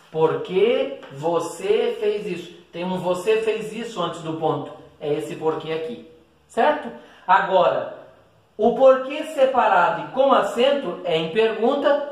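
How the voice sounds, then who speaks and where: A man with a Brazilian Portuguese accent, teaching a recorded class and checking in with his students after every point. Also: high voice. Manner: explains step by step with frequent "certo?" and "beleza?" checks. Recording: echoey room, distant mic.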